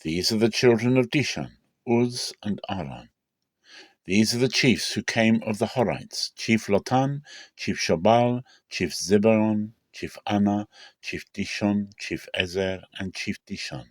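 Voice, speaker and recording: Reading scripture dramatically, a man speaks in a low voice with a measured, deliberate delivery. The recording is dry and close, with no echo.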